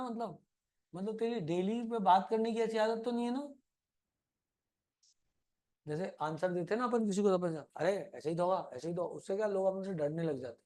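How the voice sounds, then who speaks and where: A high-pitched male teacher runs a live chemistry lesson in a loose, chatty way. He teases and mock-scolds his students while walking them through each step, and calls them "beta" as he goes. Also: mellow.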